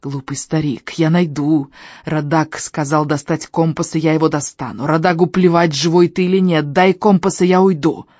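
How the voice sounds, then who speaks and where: A reader voicing a hysterical demonic hound in a man's body, with a gurgling, unnaturally high voice that shrieks and chokes on its demands. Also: fairly even intonation, moderate pace, a little mellow, no echo, lightly acted. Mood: menacing. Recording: dull, dry lo-fi audio.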